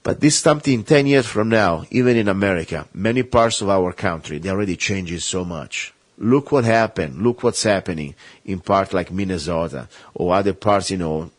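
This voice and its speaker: A man's voice: sits low, moderate pace, dry recording. A man hosting a talk radio show, delivering an emphatic, rambling, impassioned monologue.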